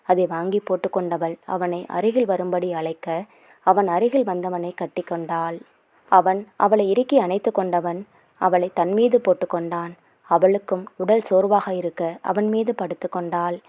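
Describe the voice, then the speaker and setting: A woman's voice: fairly low pitch, fairly even intonation, normal speed, darkish tone. A woman narrating a romance novel as a story, reading all the characters' lines in her own voice with small shifts.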